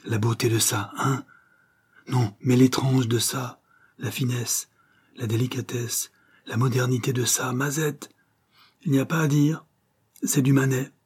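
A man's voice: medium pitch, a little slow, pauses often, husky, pitched above the performer's own voice. A man voicing a grief-stricken widowed painter who breaks into feverish, exclaiming talk. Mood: enraptured. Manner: anguished then feverishly excited exclamations.

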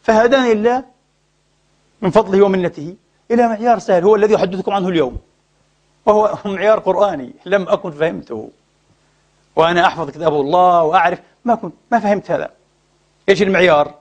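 A middle-aged man preaching a sermon with passion, asking rhetorical questions and swinging between loud and hushed delivery. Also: high-pitched, fast talker, long pauses, muffled recording.

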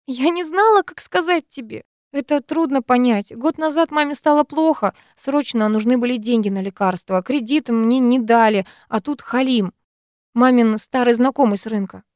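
A woman reading the tearful lines of a frightened young woman in an audiobook, with a pleading, shaky, drawn-out manner. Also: sits high, little pitch movement, darkish tone, dry recording, studio quality, pitched above the performer's own voice.

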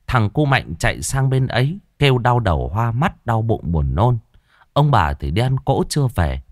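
A man narrating a horror story in a dramatic, expressive way. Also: medium pitch, no room sound, studio quality.

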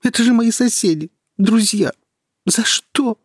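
A man voicing a desperate, tearful young girl who screams at a high, strained pitch in an audiobook. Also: unhurried, dry recording, clean studio sound. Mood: screaming anguish.

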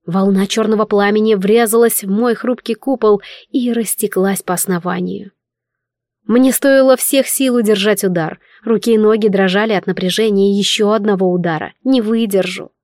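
A woman narrating a first-person fantasy audiobook with expressive, emotional storytelling. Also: mid-range voice, normal speed, no room sound, studio quality.

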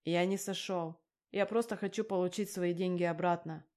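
A menacing gangster man from an audiobook, put on by a woman narrator. He talks down to everyone with a mocking, threatening edge. The voice sits slightly low. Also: steady tone, moderate pace, darkish tone, natural voice. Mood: cold threatening. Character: menacing male gangster lender, cold and crude. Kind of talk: audiobook character reading.

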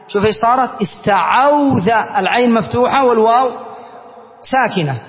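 High-voiced man teaching in an echoey classroom. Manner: drawn-out, repeats words for students. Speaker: Arabic grammar teacher. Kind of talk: classroom lesson. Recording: dull, echoey classroom recording.

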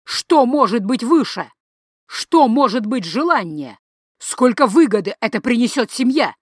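A woman reading an audiobook voices an angry, domineering noble father who scolds his son loudly. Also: fairly low pitch, expressive, unhurried, husky, no room sound, clean studio sound. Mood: furious. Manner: shouting, scolding harshly.

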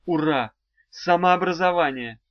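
A man's voice: fairly high pitch, normal speed, dry recording, lo-fi sound, close to an everyday voice. Man reading an eager teenage apprentice. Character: cheeky teenage boy apprentice.

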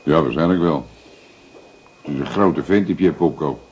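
A male actor with a rumbling low voice portrays a calm, experienced police detective for a radio drama, steady and persistent with a dry, matter-of-fact delivery. The audio sounds dull and carries a little hiss or hum.

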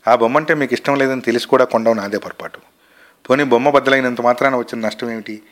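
A man reading a story aloud, voicing a calm, devoted young wife who talks patiently and reasonably. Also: mid-range voice, quick pace, close to an everyday voice. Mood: soothing.

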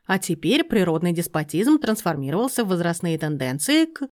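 A woman's voice: lowish voice, big pitch swings, brisk, a little mellow. A woman reading aloud and voicing a pompous young man who lectures in convoluted phrases. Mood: condescending.

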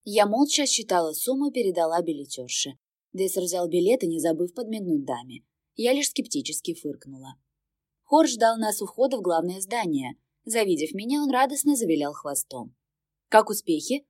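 A woman reading first-person fantasy narration in an even, wry storytelling manner. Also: lowish voice, brisk, no room sound, clean studio sound. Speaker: audiobook narrator.

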